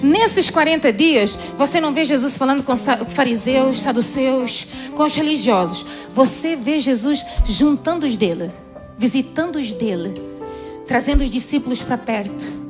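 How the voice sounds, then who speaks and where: High-voiced woman preaching. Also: animated, moderate pace, over music. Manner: emphatic, tells the church to repeat phrases. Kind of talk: sermon. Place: church service.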